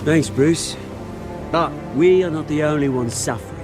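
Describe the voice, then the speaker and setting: An actor playing a cocky, volatile British rogue, a fallen heir turned revolutionary, taunting and theatrical in a video game. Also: male voice, a little high, moderate pace, over music, lightly acted. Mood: sly, threatening.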